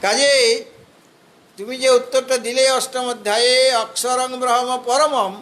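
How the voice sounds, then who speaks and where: High-voiced Bengali man giving a scripture discourse. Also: steady tone, a bit bright. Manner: explains step by step, slow chanted Sanskrit verses, asks rhetorical questions. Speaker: spiritual teacher. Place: hall of a spiritual society.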